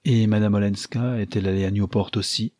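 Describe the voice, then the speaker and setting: A man voicing an awkward young gentleman who stammers hesitantly in an audiobook. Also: on the low side, steady tone, brisk, no room sound, studio quality, natural voice. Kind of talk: audiobook character voice.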